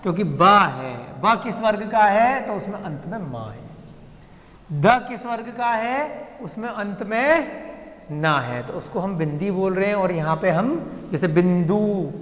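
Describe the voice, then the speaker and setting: Slow high-voiced man teaching in echoey room. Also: lively intonation, a bit bright. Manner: slow, patient, repeats sounds aloud for drilling. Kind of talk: classroom lecture on script and pronunciation. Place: classroom. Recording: echoey classroom with long reverb.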